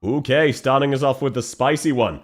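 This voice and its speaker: A man's voice: mid-range voice, moderate pace. A man hosting a quiz game with casual, teasing and playful banter.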